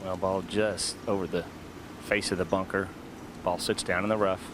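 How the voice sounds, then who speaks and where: A man's voice: deep voice, flat delivery, moderate pace. A man giving analysis as a golf commentator during a tournament. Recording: outdoor broadcast, clear ambient noise.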